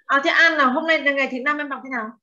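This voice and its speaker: A woman lecturing a translation class in a bright, crisp, somewhat high voice. She quizzes her students and explains grammar, dropping foreign terms into her speech. The recording sounds dull and lo-fi. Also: steady tone, very fast, slight background noise. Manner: questioning students, explaining terms with Chinese words mixed in. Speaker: teacher of Chinese translation.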